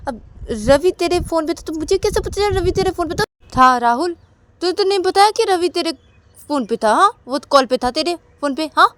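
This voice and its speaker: A woman voicing an indignant older sister in a home-made storybook tale, scolding with shrill questions. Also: sing-song, moderate pace, no echo.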